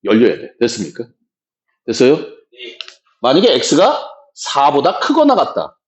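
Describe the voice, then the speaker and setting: A man's voice: mid-range voice, huge pitch swings, a little slow. A man teaching a math class in a lecture style, brusque and joking, often checking that students follow along. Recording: echoey room.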